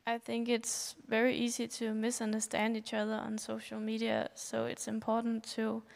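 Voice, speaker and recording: A woman's voice: on the high side, completely flat delivery, normal speed, gravelly, big-room sound. A woman on a panel, giving short, shy answers.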